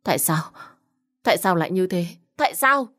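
A woman voicing a frightened, grieving young pregnant wife who sobs and pleads in a high voice. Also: normal speed, close to an everyday voice. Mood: pleading.

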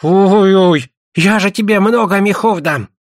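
A man's voice: high-pitched, measured pace, dry recording, clean studio sound, pitched above the performer's own voice. A man voicing a chatty, pushy young native man who pleads in broken phrases. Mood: insistent. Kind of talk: audiobook character voice.

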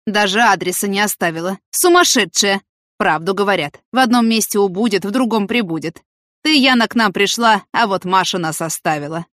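A woman's voice: mid-range voice, animated, fairly quick, fairly bright tone, no echo, studio quality, close to an everyday voice. A woman voicing an indignant gossipy farm worker. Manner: complaining, suspicious.

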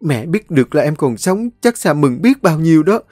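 A man voicing a caring elder sister who speaks in a gentle, coaxing way. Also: fairly high pitch, big pitch swings, normal speed, dry recording, clean studio sound, faint music behind, pitched above the performer's own voice. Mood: excited.

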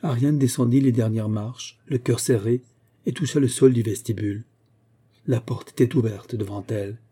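Male audiobook narrator with a very dark, husky voice and a steady literary delivery. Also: medium pitch, normal speed. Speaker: audiobook reader. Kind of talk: scripted narration.

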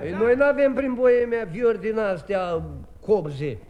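A puzzled traveller from Bohemia. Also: male voice, sits high, animated, highs cut off. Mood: curious. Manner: puzzled, questioning. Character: curious male traveller from Bohemia. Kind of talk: 1950s radio drama acting. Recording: 1950s radio archive recording, echoey hall, crowd behind.

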